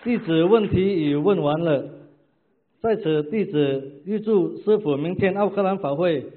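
A high-pitched man reads prepared questions at an unhurried pace. He is deferential and formal, closing with ritual thanks. The sound is narrow and phone-like. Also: a little hiss or hum. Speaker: disciple asking questions.

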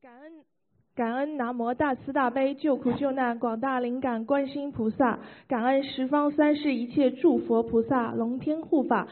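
A woman with a slightly high voice reads questions on behalf of her temple. She is reverent and formulaic. The sound is thin and phone-like. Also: fairly even intonation, normal speed. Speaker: temple representative asking questions. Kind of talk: formal question reading.

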